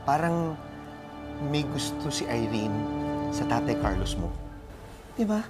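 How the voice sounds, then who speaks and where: A man's voice: medium pitch, sing-song, slow. An actor playing a suspicious, gossipy but caring man in a TV drama, with a Filipino accent. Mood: conspiratorial. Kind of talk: TV drama dialogue. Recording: music behind dialogue.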